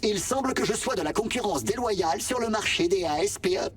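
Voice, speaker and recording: A man playing a gentle, wry, talking vending machine in a French video game, polite and theatrical in manner. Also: high voice, animated, fairly quick, slightly rough, recorded from a distance, soft background music. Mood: wry, candid. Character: chatty sentient male vending machine AI, gentle, wistful, wry.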